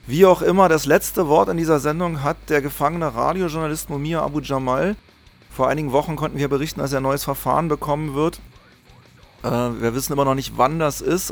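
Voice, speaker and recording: Creaky-voiced man hosting radio. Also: medium pitch. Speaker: radio host. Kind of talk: community radio announcing, partly read from notes.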